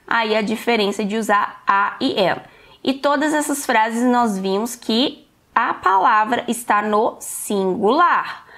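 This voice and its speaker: A woman's voice: a little high, a bit bright. A woman teaching an online English lesson, explaining step by step and often checking in with "ok?".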